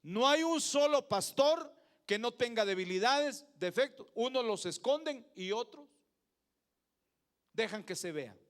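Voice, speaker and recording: High-voiced Mexican preacher, emphatic. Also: male voice, lively intonation, a little slow. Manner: emphatic, swings between loud peaks and low asides, asks the crowd for agreement. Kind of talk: sermon.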